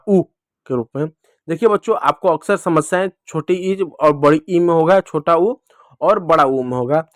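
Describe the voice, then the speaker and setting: Speaking directly to the kids in a reading lesson, a male teacher slowly draws out each letter sound and asks questions he then answers himself. His voice is fairly high, recorded cleanly in a studio with no echo.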